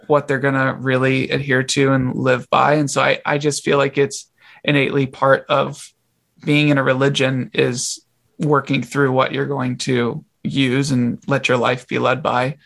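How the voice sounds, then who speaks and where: A man's voice: mid-range voice, level tone, unhurried, gravelly, a bit bright. A man speaking as a podcast guest in a casual conversation, reflective and searching for his words.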